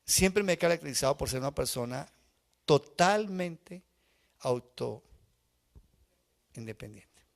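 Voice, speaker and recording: Man, fairly high voice, emotional testimony-style preaching that keeps questioning the church. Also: lively intonation, measured pace, gravelly, long pauses. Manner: emotional personal testimony, asks the congregation questions. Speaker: pastor. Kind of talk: live sermon. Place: church sanctuary before a congregation.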